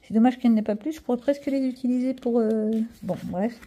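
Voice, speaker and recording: A middle-aged woman vlogger chats casually as she shows her viewers a haul. Her voice is very dark and mellow, with a husky grain, and sits a little high. She rambles and keeps teasing herself along the way. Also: quick pace. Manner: rambling, chatty, self-mocking asides. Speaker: vlogger showing a coloring-book haul. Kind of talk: casual chat to camera.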